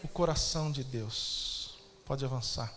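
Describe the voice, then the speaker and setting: A man's voice: medium pitch, unhurried, fairly bright tone, slight background noise. A man with a Brazilian Portuguese accent preaching a sermon as pastor, emphatic and calling out to the congregation for amens.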